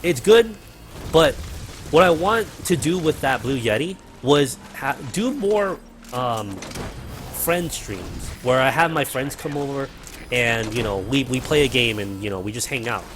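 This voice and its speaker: A man's voice: medium pitch, animated, measured pace, background noise. A man hosting a gaming livestream from his apartment, chatting casually and rambling with fillers and the odd swear word, his cheap mic close to his mouth. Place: home apartment.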